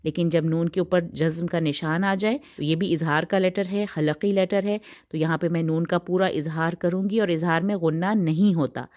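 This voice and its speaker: A woman teaching Quran recitation rules, explaining patiently and stretching the recited words out slowly. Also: on the low side, fairly even intonation, darkish tone.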